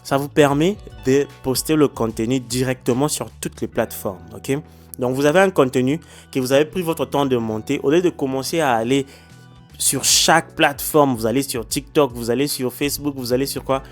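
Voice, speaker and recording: Faint music accompanies a man's mid-range voice at a moderate pace as he walks viewers through social media monetization in a casual screen-demo vlog. He's a YouTuber based in China, recording indoors, and English is not his native language, so English words trip him up. His delivery is hesitant and full of fillers and restarts, and he talks straight to his audience, saying "ok?" again and again.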